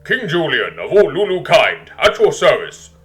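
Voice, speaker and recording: A man's voice: on the high side, wildly swooping pitch, normal speed, a bit bright, faint music behind, pitched above the performer's own voice. A man voicing a flamboyant, slightly mad, party-loving lemur king with a showy, exuberant manner. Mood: exuberant, festive.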